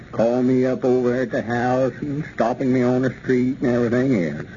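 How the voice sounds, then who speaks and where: A man's voice: mid-range voice, normal speed, mellow, close to an everyday voice. An actor playing an eager, gullible small-town man with a rural Southern accent and folksy country talk in an old radio serial. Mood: pleased, eager. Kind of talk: old-time radio comedy serial acting. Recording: dull, noisy old radio recording.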